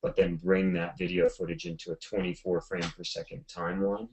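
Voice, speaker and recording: Deep-voiced man telling a story. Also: fairly quick, vocal fry, a little hiss or hum, rough recording. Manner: animated storyteller, many fillers and restarts. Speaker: photographer guest. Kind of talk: casual storytelling in a webinar.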